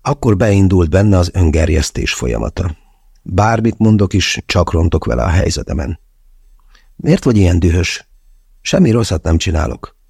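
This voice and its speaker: A male audiobook narrator with a low, husky voice tells the story in first person, wry and confessional. The tone is dark and mellow, with no breathiness lost to the room. It is recorded dry and close. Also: expressive, dry recording.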